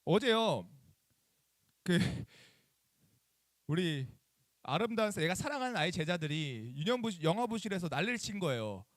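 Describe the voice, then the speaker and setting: A man's voice: high-pitched, moderate pace, pauses often, no room sound. Guy youth pastor preaching to middle schoolers, keeps asking the kids stuff, dry sound. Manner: animated, acts out phone calls and asks the kids questions. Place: church chapel.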